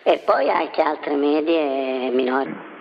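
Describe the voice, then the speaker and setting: Anonymous male source, voice masked by a deep pitch shift, gravelly texture, halting speech full of fillers, dull lo-fi sound. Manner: hesitant, many fillers and restarts. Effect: voice disguised, pitch-shifted deep. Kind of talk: interview answers. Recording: dull lo-fi with faint noise.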